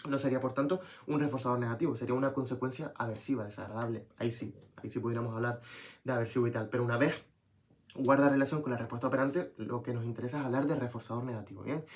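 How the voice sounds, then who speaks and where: A young man giving a casual psychology lesson, lively and checking in with the viewer often. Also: medium pitch, racing. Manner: lively, talks to viewer with frequent "¿bien?". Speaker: psychology teacher.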